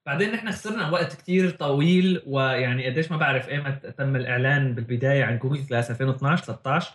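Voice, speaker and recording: A man's voice: mid-range voice, very fast, fairly bright tone. A man with a Levantine Arabic accent co-hosting a casual tech chat, often repeating words as he searches for phrasing. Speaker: podcast co-host.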